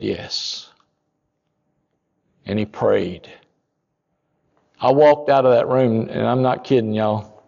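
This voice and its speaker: Folksy pastor, gravelly voice. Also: male voice, medium pitch, in a large hall, dull audio. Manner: folksy, builds to loud emphatic peaks. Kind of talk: storytelling sermon.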